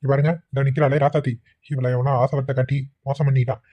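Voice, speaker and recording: A man voicing a cartoon husband and village head, with flat, anxious muttering. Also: mid-range voice, quick pace. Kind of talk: cartoon voice acting. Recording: dull lo-fi audio.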